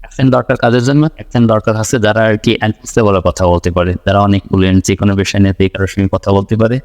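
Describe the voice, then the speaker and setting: A man's voice: lowish voice, steady tone, very fast, darkish tone, long reverb tail. A man from Bangladesh teaching a spoken English lesson, explaining patiently and repeating his points as he writes them out.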